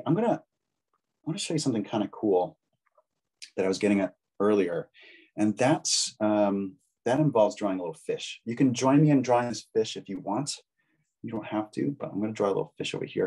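A man's voice: fairly low pitch, lively intonation, a little fast, vocal fry, a little mellow, breathy edge. A man giving a casual, encouraging draw-along lesson, chatting with children as he draws. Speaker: drawing instructor.

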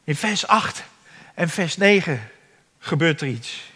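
High-voiced man preaching in a reverberant hall. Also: animated, slow, sharp tone, breathy edge. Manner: dramatic preaching, acting out cries. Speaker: pastor. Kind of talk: sermon. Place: church hall. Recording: long reverb of a church hall.

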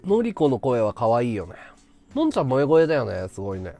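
A man's voice: mid-range voice, huge pitch swings, fast talker, dark tone, soft background music. A man from Chiba chatting casually with his live-stream viewers, rambling and laughing at his own stories. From Chiba, Japan.

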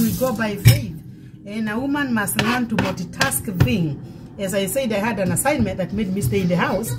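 Woman, middle-aged, pastor, home kitchen, camera on counter, repeats herself to encourage, noisy background. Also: a little high. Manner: encouraging, repeats phrases for emphasis. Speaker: pastor hosting a cooking show. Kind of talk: casual cooking demonstration with preaching.

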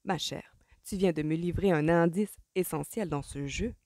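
Grumbly hot-headed young guy, a woman putting him on, dark mellow tone, gruff. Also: fairly low pitch, moderate pace, no room sound, clean studio sound, lightly acted. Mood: triumphant. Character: angry young man, hot-tempered elder brother.

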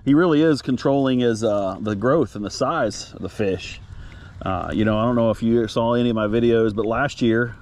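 An American outdoor vlogger and angler chats with viewers in a casual, folksy way while fishing from a kayak, filmed outdoors on an action camera worn at chest or head. His mid-range voice has a darkish tone and moderate pace, with a little hiss or hum.

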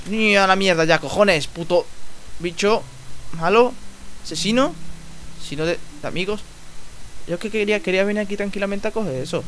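A young man with a Spanish accent from Spain, commenting on his Minecraft play in an excitable, joking way and swearing freely. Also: low-quality recording. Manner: excitable, swears, jokes, sudden squeaky outbursts. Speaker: gaming YouTuber. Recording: faint hiss.

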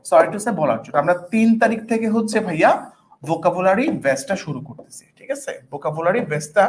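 A woman's voice: on the low side, a little mellow. A woman teaching a vocabulary class, repeating each word and often checking that students understand. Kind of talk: online class lesson.

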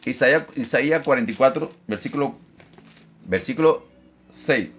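Lively, animated male Bible teacher. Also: moderate pace. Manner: lively, animated teacher who mimics critics in a high mocking voice; repeats phrases and checks in with "¿ok?". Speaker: pastor teaching a discipleship class.

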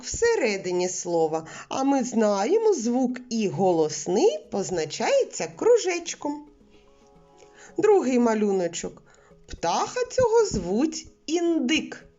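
Woman preschool teacher, slow and very lively in pitch, slightly dull recording with faint music. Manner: slow, clear, sing-song explaining to small children. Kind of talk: children's literacy lesson.

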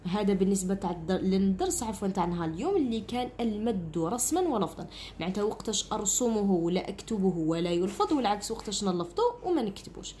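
A woman's voice: mid-range voice, animated, quick pace, warm tone, slight background noise. A woman with an Algerian accent, a primary school teacher giving a grammar lesson to children and explaining each step while checking that they follow. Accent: Algerian Arabic. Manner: explains step by step, often asks "understood?".

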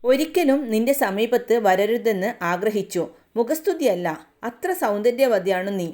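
A woman's voice: mid-range voice, a little mellow, close to an everyday voice. A woman reading the part of a young male demon prince, who speaks in a formal, courtly, pleading way.

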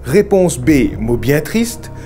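A man in his thirties with a Mauritian accent, acting as a formal TV game show host who announces with drawn-out key words. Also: medium pitch, very animated, dark tone. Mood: formal, upbeat. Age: 30s. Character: smooth, eager male TV game show host in a parody. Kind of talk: game show host presenting in a sketch comedy. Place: TV studio set. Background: game show music.

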